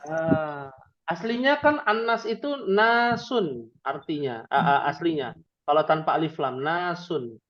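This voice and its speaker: A man's voice: a little high, lively intonation, unhurried. A man leads an interactive Quran reading class, speaking with a slight tinge. He keeps firing playful questions at his students. The audio is dull and lo-fi. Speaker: Quran and Arabic teacher.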